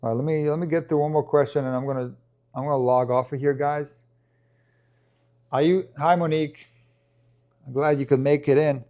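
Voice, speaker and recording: A man's voice: a little high, steady tone, moderate pace, long pauses, warm tone. A man hosting a casual tennis live stream who talks loosely with many ums and restarts while answering viewer questions.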